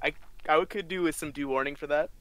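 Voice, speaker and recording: A man playing a tabletop game, arguing the rules in an excitable, casual way. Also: fairly high pitch, fast talker, slight background noise. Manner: argumentative, excitable. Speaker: player.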